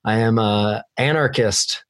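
A man's voice: lowish voice, slow, fairly bright tone, no room sound. A man from Oregon hosting a podcast interview over a video call from his bedroom, talking casually and rambling with fillers. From Oregon, USA. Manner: laid-back, rambling with fillers. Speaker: podcast host. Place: bedroom at home.

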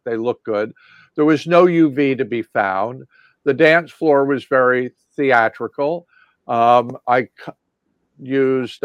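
A man's voice: medium pitch, dry recording, muffled recording. A male guest lighting designer recalling old projects in a rambling, casual way, full of fillers and restarts. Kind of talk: casual recollection.

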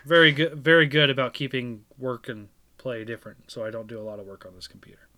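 A man's voice: mid-range voice, fast, very noisy. A man hosting a casual gaming podcast, chatting in an informal, conversational way. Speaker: podcast host.

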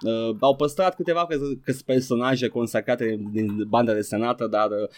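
A man's voice: mid-range voice, steady tone. A man co-hosting a podcast, chatting casually about a video game, laughing often and dropping English phrases into his talk. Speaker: podcast co-host.

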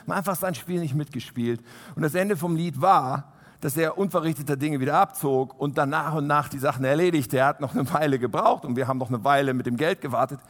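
A man preaching a sermon to a congregation. He is animated, swinging from loud emphasis to soft, quiet asides. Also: on the high side, quick pace. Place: church hall. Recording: long hall reverb.

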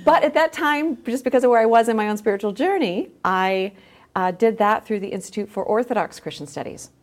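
A middle-aged woman, a journal's managing editor, appears as a podcast guest and recounts things in a casual, explanatory way. Her voice is on the high side and she talks a little fast.

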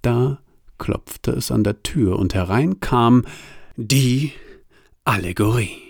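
A man reading a novel aloud in a dry, deadpan storytelling manner. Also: medium pitch, slow pace, creaky, dry recording. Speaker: narrator. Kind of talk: audiobook reading.

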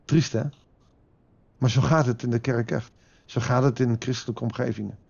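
A man preaching a devotional sermon, speaking with passion and rising to emphatic peaks, then growing quiet as he prays. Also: medium pitch, steady tone, moderate pace, creaky, breathy edge, highs cut off.

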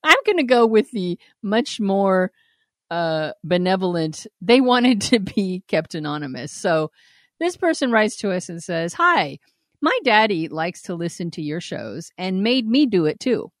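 A woman co-hosting a podcast reads a listener's email aloud and gives blunt, frank advice, laughing and swearing often. Her medium-pitched voice is very animated at a measured pace, with clean, echo-free studio sound.

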